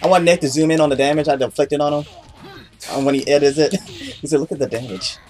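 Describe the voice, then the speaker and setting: A young man chatting excitedly and laughing while playing a fighting game with friends. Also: a little high, fast. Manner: excitable, laughing, playful commentary. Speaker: gamer. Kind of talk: casual gaming chat.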